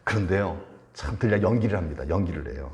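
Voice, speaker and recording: A man's voice: deep voice, lively intonation, fast, a little mellow. A male pastor preaching at a Friday prayer meeting, retelling a story with questions to the congregation and short acted-out voices.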